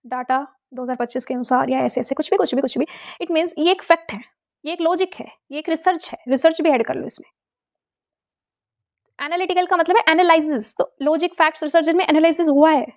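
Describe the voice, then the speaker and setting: A woman teacher with a high voice explains terms for an exam. She speaks with an Indian English accent, mixing Hindi and English. She reads her example sentences slowly and often checks whether her students follow. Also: darkish tone. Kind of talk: exam-prep lesson.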